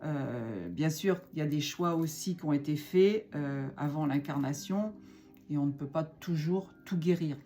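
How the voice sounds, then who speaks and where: A woman's voice: low voice, measured pace, warm tone. A woman giving a spiritual card reading, chatty and encouraging, with many fillers and restarts. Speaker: card reader.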